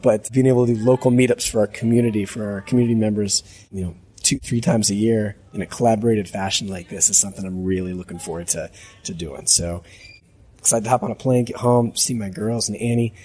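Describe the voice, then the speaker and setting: A man with a hoarse smoker's rasp, talking as host in a casual, reflective, off-the-cuff audio diary and often repeating a phrase as he goes. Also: on the low side, steady tone, fast, darkish tone, soft background music. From United States. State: hoarse voice from a long trip. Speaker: podcast host.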